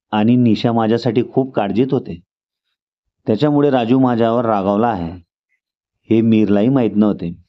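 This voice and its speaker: A man reading a first-person story aloud as a steady narrator. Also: lowish voice. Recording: dull lo-fi recording.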